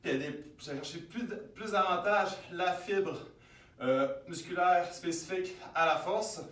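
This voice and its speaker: A man with a Québécois accent leading a guided workout, counting reps aloud while exercising himself. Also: normal speed. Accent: Québécois French. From Quebec. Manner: counts reps aloud, louder and higher during sets. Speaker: fitness instructor. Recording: echoey room, voice from far off.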